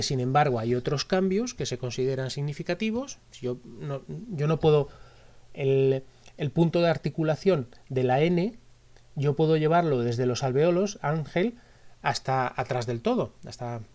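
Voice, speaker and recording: A man from Spain with a Spanish accent gives a recorded lecture in a voice on the high side and a little mellow. He walks through the material step by step, often repeating himself or rewording what he said.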